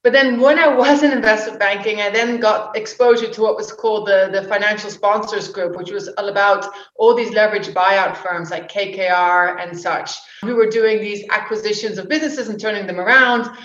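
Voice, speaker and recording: A woman's voice: mid-range voice, steady tone, normal speed, hardly any pauses, fairly bright tone. Chatty woman on a roomy, dull line. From born in the UK. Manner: chatty, rambling with restarts and fillers. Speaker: guest, social entrepreneur and investor. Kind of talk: casual interview talk. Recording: roomy, dull remote audio.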